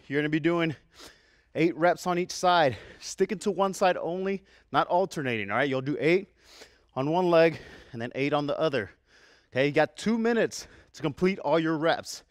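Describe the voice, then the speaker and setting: A man's voice: a little high, no room sound, studio quality. Panting male fitness coach counting reps. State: out of breath. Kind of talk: workout instruction.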